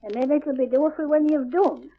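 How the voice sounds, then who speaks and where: A woman's voice: high voice, normal speed. An older woman with a broad, old-fashioned Yorkshire accent, explaining step by step in homely, informal dialect. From Yorkshire, England. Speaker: home baker, dialect speaker. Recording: dull lo-fi 1950s archive recording.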